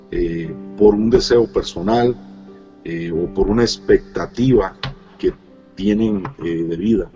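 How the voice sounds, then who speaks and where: A man's voice: lowish voice, warm tone, muffled recording. A middle-aged man, a pastor giving his personal testimony in an interview, speaking earnestly and reflectively with many hesitant fillers. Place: Costa Rica.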